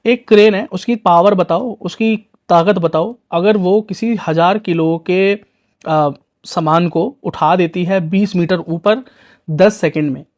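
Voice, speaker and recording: A man's voice: high voice, measured pace, darkish tone. A young man, teaching physics for exam prep in a chatty, coaxing way full of rhetorical questions.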